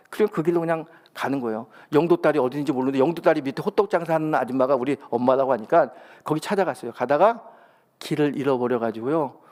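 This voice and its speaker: A male pastor preaches a sermon in a fairly high voice. He tells his stories with energy and acts out each quoted line, so his pitch swings widely between the narration and the characters. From Busan, South Korea. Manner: animated storyteller, acts out quotes with big pitch jumps. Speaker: senior pastor.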